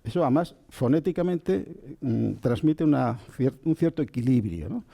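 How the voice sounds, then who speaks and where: Calm male lecturer, very mellow tone, lively melodic delivery. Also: mid-range voice, vocal fry. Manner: slow and gentle, checks in with listeners. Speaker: spiritual teacher. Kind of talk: calm spoken lecture on Kabbalah.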